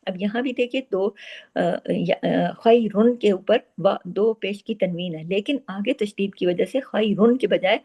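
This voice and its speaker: A woman teaching Quran recitation rules, explaining step by step and then reciting words slowly and drawn out. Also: medium pitch, mellow, husky. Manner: asks the listener quick questions and answers them herself. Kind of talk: tajweed lesson with slow demonstrated recitation.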